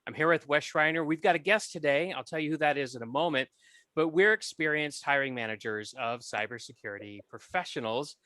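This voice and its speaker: A man hosts a podcast with a bright, forward voice. He explains things in a friendly, clear way. The sound is close and dry. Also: on the high side, brisk, no room sound. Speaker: podcast host. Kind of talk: podcast introduction.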